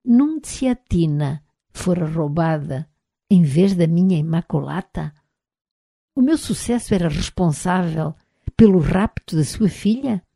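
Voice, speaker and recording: A woman reads an audiobook in a European Portuguese accent with a measured, even delivery. Her voice is somewhat low and very dark and mellow. The recording is dry and close to the mic. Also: vocal fry, no echo. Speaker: audiobook narrator. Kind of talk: scripted audiobook narration.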